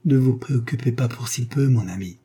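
A man reading aloud voices a devoted young woman, gentle and earnest, lifting his voice for her. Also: mid-range voice, a little fast, husky, natural voice. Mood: tender.

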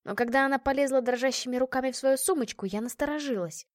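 A woman reading first-person audiobook narration in an even, measured storytelling manner on a close microphone. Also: sits high, no echo.

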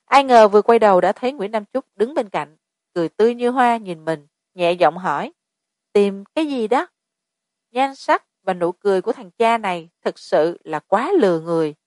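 A woman narrating a story in a steady storytelling delivery. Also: medium pitch, no room sound, studio quality. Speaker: audiobook narrator.

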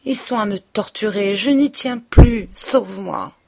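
A woman's voice: mid-range voice, measured pace, vocal fry, darkish tone, voice pushed up. A woman voicing a passionate young wife who pleads with urgent, breathless feeling in a storybook reading. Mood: desperate.

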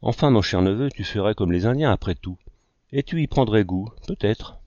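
A man's voice: lowish voice, normal speed, no echo, dull audio, lightly acted. A man reading as a teasing older uncle. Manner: deadpan teasing.

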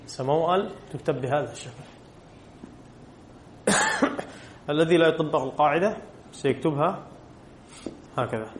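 A man's voice: on the high side, echoey room, slight background noise. A male teacher giving a classroom grammar lesson, putting questions to his students and repeating the key rules.

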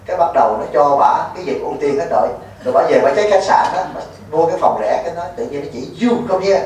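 A man's voice: fairly high pitch, expressive, quick pace, a little mellow. A man, a Buddhist monk giving a folksy dharma talk at a retreat, teasing and quizzing his listeners. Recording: echoey hall, mic far off, faint noise.

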